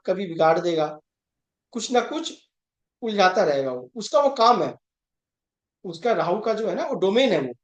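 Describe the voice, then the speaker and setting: A man teaching an astrology class in a conversational way, stressing points and often asking if students follow, with English terms mixed in. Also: high-pitched. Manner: emphatic, keeps checking understanding; mixes English terms into Hindi. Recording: roomy echo.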